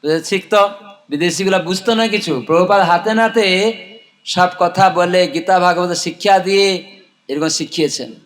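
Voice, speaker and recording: A man's voice: sits high, normal speed, fairly bright tone. A man preaching with a non-native Bengali accent, telling parables in a didactic way and answering his own questions. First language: not Bengali. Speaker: religious preacher. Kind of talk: sermon with storytelling, addressing villagers.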